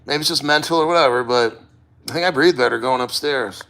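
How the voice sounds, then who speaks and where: A man's voice: medium pitch, fairly quick, creaky, a bit bright. A man talking casually in a first-person vlog, rambling and plain-spoken with frequent swearing. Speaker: vlogger. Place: sitting in a cold plunge.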